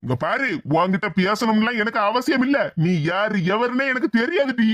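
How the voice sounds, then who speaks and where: A voice actor plays a hot-tempered village man in a cartoon, angrily scolding and threatening his niece in a Tirunelveli Tamil accent. The voice is medium-pitched and fairly bright, with lively intonation, a moderate pace, and a lo-fi sound with no room sound, staying close to an everyday voice.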